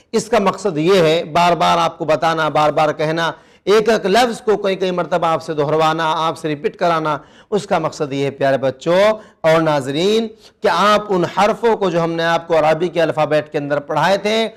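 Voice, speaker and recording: High-voiced man teaching Quran reading to children. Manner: patient, repeats each word slowly for children. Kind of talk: children's recitation lesson.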